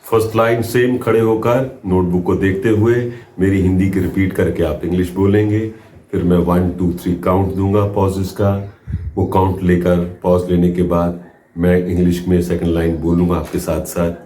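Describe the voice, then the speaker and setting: A man teaching a spoken English lesson, giving slow drawn-out prompts and counting out pauses. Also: low voice, flat delivery, warm tone, reverberant.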